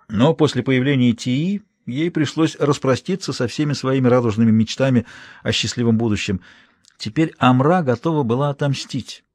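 A man reading a dramatic audiobook in an expressive storytelling manner. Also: mid-range voice, no room sound. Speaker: audiobook narrator.

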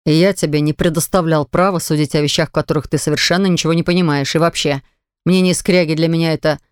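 A woman reading aloud voices a hot-tempered, exasperated father in a lowered voice, lecturing and blustering. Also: fairly even intonation, fast, clear, resonant tone, no room sound, studio quality, natural voice. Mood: angry.

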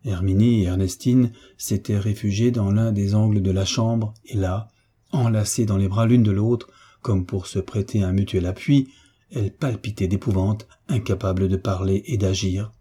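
A man reading a novel aloud as audiobook narration, measured and dramatic. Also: fairly low pitch, steady tone, mellow, slightly rough. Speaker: audiobook reader. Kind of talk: scripted narration.

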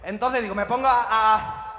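A man's voice: sits high, steady tone, normal speed. A man, a comic singer-songwriter rambling and joking between songs at a live show. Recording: echoey live hall with guitar.

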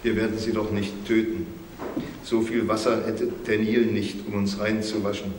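A man voicing an old male jackal elder who pleads solemnly, in a measured, plaintive storybook reading. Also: on the low side, flat delivery, natural voice. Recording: roomy recording with faint hiss.

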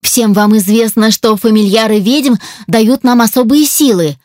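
A woman reading a first-person fantasy audiobook aloud in a firm, steady storytelling voice, recorded on a close studio mic. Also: a little high, moderate pace, dry recording. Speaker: audiobook reader.

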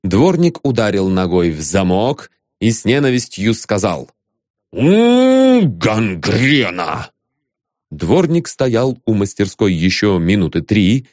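A male audiobook reader narrates a satirical novel in an expressive storytelling manner. His pitch moves a great deal, and his voice sits at a middling pitch. The recording is dry and close. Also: dry recording. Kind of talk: satirical novel read aloud.

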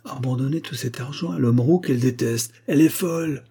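A man's voice: medium pitch, a little fast, warm tone, voice pushed up. A man voicing a sly, scheming lawyer with a sneering manner. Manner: smooth then sneering.

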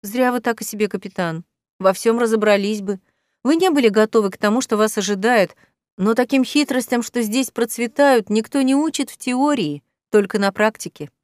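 Woman reading as a bright, self-assured heroine. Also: fairly high pitch, moderate pace, no echo, clean studio sound, natural voice. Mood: upbeat. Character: cheerful, self-assured young woman helper. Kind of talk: audiobook character reading.

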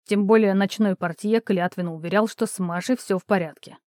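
A woman narrating an audiobook in a calm, even storytelling manner. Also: medium pitch, brisk, no echo, studio quality.

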